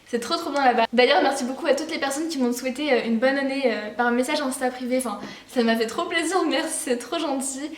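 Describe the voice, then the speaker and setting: A woman's voice: high voice, fast talker, reverberant, far from the mic. A teenage girl chatting in a casual gift-haul vlog, bubbly and rambling, with lots of fillers and restarts. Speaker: vlogger.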